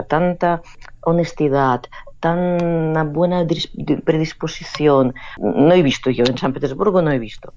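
A woman's voice: low voice, a little mellow. A woman from Russia, a Russian native speaker, talking as an interview guest, often searching for words and restarting her sentences. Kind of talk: conversational interview. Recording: dull lo-fi remote line with faint noise.

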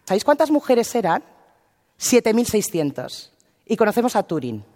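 A woman's voice: medium pitch, sing-song, normal speed, dark tone. A woman, a linguist chatting colloquially to an audience and asking them questions. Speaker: linguist speaker. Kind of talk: casual talk to an audience. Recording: reverberant hall.

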